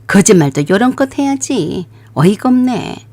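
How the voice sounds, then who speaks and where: A woman voicing a stern, scolding older mother-in-law in a radio drama, lowering her voice into sharp rebukes. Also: sing-song, moderate pace.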